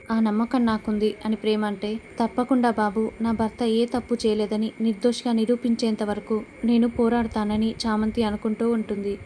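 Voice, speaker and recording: Woman recapping a serial, steady and even delivery, warm dark tone, faint hiss behind. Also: on the high side. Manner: steady storytelling, reads all characters' lines in her own voice. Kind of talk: retelling a TV serial episode.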